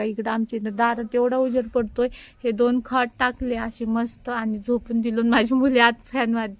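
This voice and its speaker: A woman's voice: a little high, dry recording. Chatty woman vlogging outdoors on a phone. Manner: chatty, keeps pointing things out to viewers. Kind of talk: casual vlog narration. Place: outdoors at a village home by a wood stove. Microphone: phone camera.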